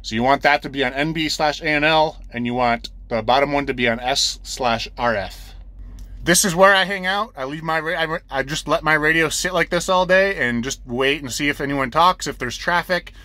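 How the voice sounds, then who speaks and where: This man's voice is on the high side and sharp, at a moderate pace, recorded dry. Sitting in his truck cab, he explains things plainly and casually, repeating his steps one by one like a trucker coaching a beginner.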